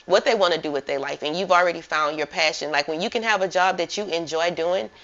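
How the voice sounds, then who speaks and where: In muffled, lo-fi audio, a woman interviewer chats casually, speaking fast in a lowish, slightly bright voice. Upbeat and encouraging, she leans on the word "like" often.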